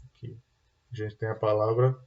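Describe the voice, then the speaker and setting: A man's voice: lowish voice, flat delivery, moderate pace. A man with a Brazilian Portuguese accent teaching an online exam-prep lesson, explaining step by step and often checking in with "tá?" and "né?". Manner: explanatory, tag questions "tá?" and "né?". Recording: dull lo-fi sound.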